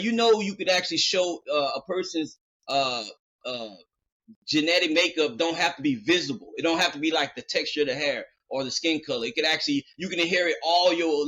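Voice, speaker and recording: A man hosting a podcast, telling a long story in a loose, rambling way with lots of fillers and acted-out quotes. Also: a little high. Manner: animated retelling, acting out quoted dialogue. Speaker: podcast host. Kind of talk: casual storytelling.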